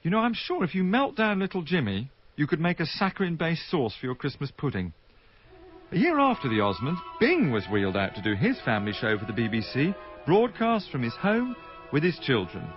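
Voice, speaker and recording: A man's voice: on the high side, sing-song, a little fast, highs cut off, over music. A male radio presenter giving wry, sardonic commentary between archive clips. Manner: dry, sardonic wit.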